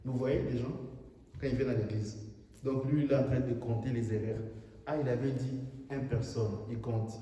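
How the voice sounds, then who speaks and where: Male pastor, emphatic sermon delivery, dark mellow tone, heard from a distance in a roomy hall. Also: medium pitch, fairly even intonation, normal speed. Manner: emphatic preaching, voice rising loud when retelling a story. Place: church hall. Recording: echoey hall from far off.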